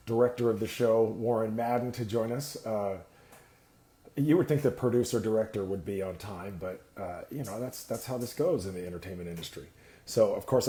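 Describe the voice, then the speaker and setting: A man's voice: fairly low pitch, dark tone, echoey room. Rambling Californian man hosting a livestream. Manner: rambling, stalling for time with many fillers. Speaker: host. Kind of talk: casual livestream chat. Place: indoor room, seated on a sliding chair.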